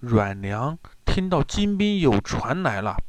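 A man telling a traditional tale to children in an expressive, drawn-out storytelling manner. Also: medium pitch, no echo.

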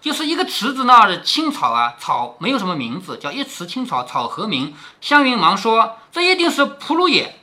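Reading a classic novel to his daughter, a middle-aged storyteller speaks briskly in a high-pitched, sharp, sing-song voice, with hardly any pauses. He keeps breaking off to explain things in everyday language, frequently adding "right?".

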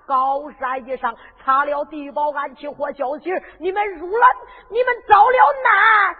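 A woman with a Henan accent voicing an old male monk in a zhuizi storytelling, who scolds tearfully and shouts in lament. The recording is tinny and echoing, with music behind. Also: high-pitched, measured pace. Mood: tearful scolding.

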